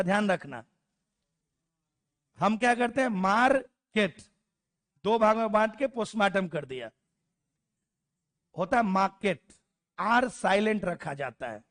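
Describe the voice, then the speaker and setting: A man's voice: high-pitched, expressive, normal speed, long pauses, fairly bright tone. A man teaching English grammar to a class, spelling letters out, calling out word lists and teasing students. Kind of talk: classroom lecture.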